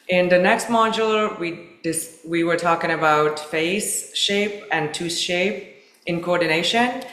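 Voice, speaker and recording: A woman from the Czech Republic, a native Czech speaker, co-presenting a dental webinar with an orderly, steady recap. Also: low voice, reverberant. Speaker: removable department manager, co-presenter.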